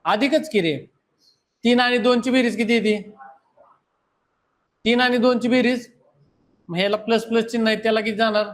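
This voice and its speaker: A man's voice: very high-pitched, fairly even intonation, moderate pace, pauses often. A man, teaching a class and lecturing students bluntly. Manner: scolding, blunt, talks straight at students. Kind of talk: classroom lecture and pep talk.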